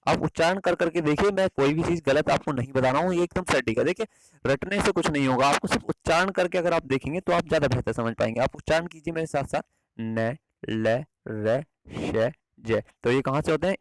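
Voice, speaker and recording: A man's voice: medium pitch, dry recording, poor audio. A man teaching an exam-prep phonetics lesson, patiently repeating himself, correcting slips and answering his own questions.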